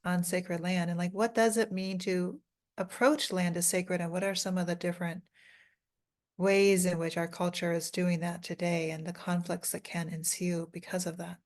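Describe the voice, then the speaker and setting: A woman's voice: fairly low pitch, little pitch movement, moderate pace, a little mellow. A woman podcast host asking a guest careful, hedged questions. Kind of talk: interview questions.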